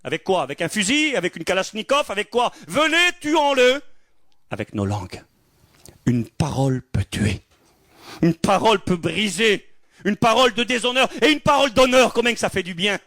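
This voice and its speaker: A man preaching a sermon with lively, animated delivery, acting out the people in his stories. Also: a little high, no echo, clean studio sound. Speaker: pastor.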